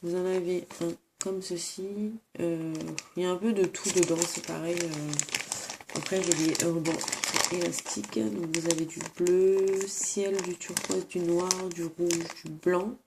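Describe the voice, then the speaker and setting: A woman's voice: on the low side, fairly even intonation, measured pace, very noisy. Sniffling woman showing craft supplies. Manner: hesitant, many fillers and self-corrections. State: sick, sniffling. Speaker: crafts vlogger. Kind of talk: casual show-and-tell of craft supplies. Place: room at home. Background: crinkling plastic bags.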